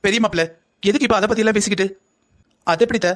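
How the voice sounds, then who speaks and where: A cartoon drama's family argument is voiced entirely by one man, who keeps the exchange heated and combative. He speaks fast, in a high-pitched voice with a fairly bright tone.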